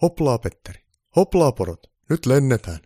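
Man playing an old gravelly santa, loud jolly calls, gruff mutters, storybook read. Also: no room sound, clean studio sound. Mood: shouting. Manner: booming exclamations, grumbling mutters.

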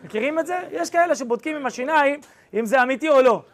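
A young rabbi with a slangy, lively storytelling manner, recounting an episode to a class of students. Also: male voice, extremely high pitch.

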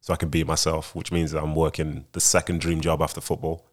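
Chill guy, deep voice, rambly interview answers, lots of restarts. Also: flat delivery, fast. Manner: laid-back, rambling with restarts. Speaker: retired footballer turned broadcaster.

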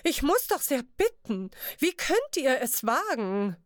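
A woman voicing a fussy, haughty male merchant with a high, shrill voice in an audiobook. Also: sing-song, slow pace, dry recording, clean studio sound, exaggerated voice. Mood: indignant, fussy. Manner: shrill and indignant. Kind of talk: audiobook character voice.

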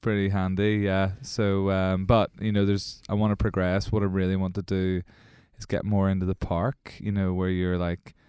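This podcast co-host has a low voice and talks at a moderate pace with few pauses, relaxed and rambling, full of fillers. The recording from the small studio is dry and clean, and his tone is clean too.

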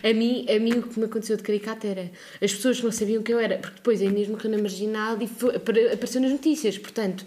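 A woman's voice: a little high, steady tone, racing, hardly any pauses, dark tone. A young woman with a European Portuguese accent, co-hosting a casual podcast chat and telling stories by acting out quoted phone calls. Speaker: podcast co-host.

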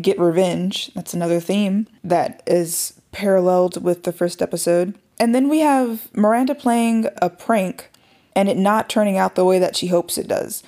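A woman's voice: mid-range voice, normal speed, warm tone. Brief: a woman podcast host with a mid-range voice, chatty and filler-heavy, casual recap talk. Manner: chatty, full of "like" fillers and asides. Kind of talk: casual chat.

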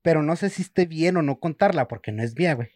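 A man's voice: fairly high pitch, animated, quick pace, a little mellow, no room sound. A man in his twenties with a Mexican accent tells anecdotes in slangy, teasing co-host banter, laughing often. His voice rises and falls widely. The recording is dry and close. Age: 20s. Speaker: podcast co-host. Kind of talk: casual chat.

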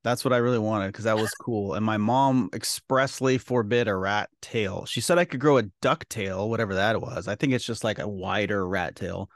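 A man's voice: on the low side, moderate pace, few pauses, dry recording, clean studio sound. A middle-aged man co-hosting a podcast, chatting casually and joking at his own expense. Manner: joking, self-deprecating, conversational. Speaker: podcast co-host. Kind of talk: casual chat.

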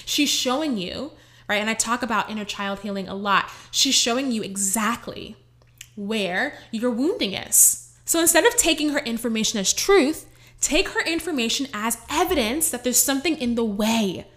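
A woman life coach giving a casual motivational talk, blunt and animated, with frequent swearing. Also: fairly high pitch, normal speed.

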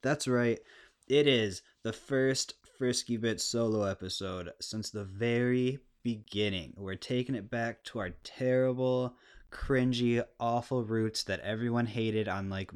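A man with a harsh stoner skater voice, rambling casually and unscripted through a solo podcast with crude, self-deprecating humor, clearly recorded on a podcast mic. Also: medium pitch, measured pace. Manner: laid-back, rambling and unscripted. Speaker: podcast host. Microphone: podcast microphone, clean close sound.

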